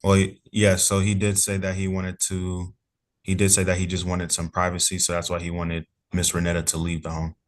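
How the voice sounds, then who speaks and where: A man's voice: deep voice, monotone, brisk. A police officer testifying in court over a remote call, polite and hedging in his answers.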